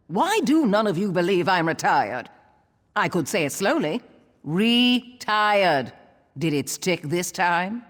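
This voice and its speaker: An actress playing a stubborn, sarcastic retired thief in a game cutscene, speaking in a dry, exasperated way. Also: female voice, sits low, long reverb tail.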